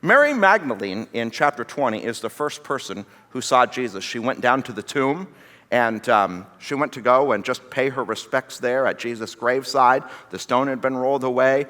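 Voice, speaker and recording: Man, pastor, conversational sermon, bright voice, long church reverb. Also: medium pitch, moderate pace. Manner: animated, acts out voices of the people in the story. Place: church sanctuary.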